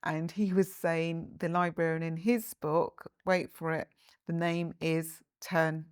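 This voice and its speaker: Low-pitched London woman hosting. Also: little pitch movement, slow, clear, resonant tone, no echo, studio quality. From London, England. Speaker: interviewer and host. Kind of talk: conversational interview.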